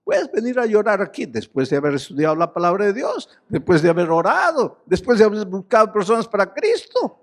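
Male pastor, high-pitched voice, emphatic sermon delivery. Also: sing-song. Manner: emphatic preaching, swinging between loud high exhortation and low slow explanation.

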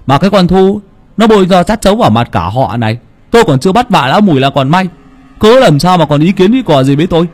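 Man doing an arrogant old elder, blustering, scornful, fast, raised voice. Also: high voice, big pitch swings, a little mellow, voice pushed up. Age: older.

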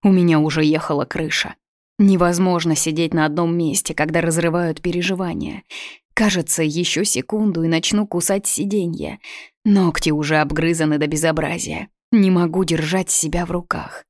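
A woman's voice: on the low side, fairly even intonation, moderate pace, a little mellow, no room sound, clean studio sound. A woman reading a first-person story aloud, dramatic and emotional in her delivery. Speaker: audiobook reader. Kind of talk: first-person scripted narration.

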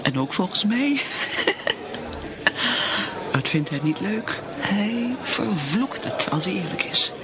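In a radio drama, an actress with a Netherlands Dutch accent plays a lonely, bitter middle-aged mother, a drinker in denial, brooding and repeating herself in a mocking mood. Her medium-pitched voice is expressive and slow, with long pauses over crowd noise.

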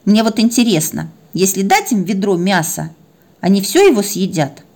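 A woman narrates a story in a wry, chatty manner, with a lively pitch that rises and falls. Her voice sits at a middle height and stays conversational. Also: moderate pace.

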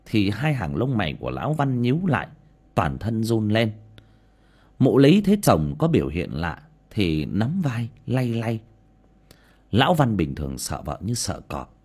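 Brief: male audiobook narrator, dramatic and expressive, hugely animated intonation. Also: lowish voice, breathy edge. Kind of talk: scripted horror story narration.

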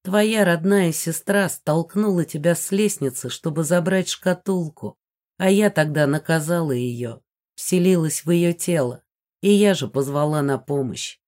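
A woman's voice: low-pitched, unhurried, darkish tone. A woman reading an audiobook, voicing a mournful, reproachful spirit woman who has been bound to a box for centuries.

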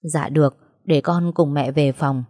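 Gentle elder sister, read by a woman: soothing, reasoning, low and mellow. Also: steady tone, a little slow, no room sound, clean studio sound. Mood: coaxing. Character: calm, gentle elder sister persuading her mother.

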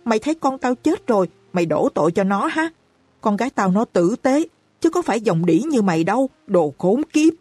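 A woman's voice: on the low side, very animated, moderate pace, few pauses, breathy edge, dry recording. Woman doing a harsh scolding old mother-in-law. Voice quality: sharp, scolding.

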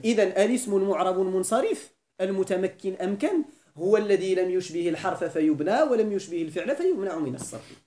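A male teacher with a Moroccan Arabic accent speaks in a fairly high, slightly mellow voice while running a classroom grammar lesson. The room echoes as he questions students often and restates the essentials.

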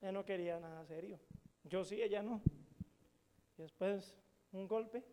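A middle-aged pastor, preaching a sermon to a congregation in a colloquial, joking storytelling way and putting questions to the audience. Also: male voice, high voice, a little slow, dark tone, a little hiss or hum.

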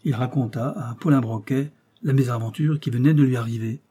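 A man giving steady, measured audiobook narration of a classic novel. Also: mid-range voice, slightly rough.

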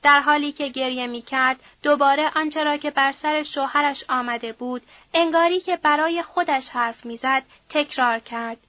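A woman reading a novel aloud as an audiobook narrator in a steady, somber storytelling manner. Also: sits high, no room sound, dull audio. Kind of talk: scripted narration.

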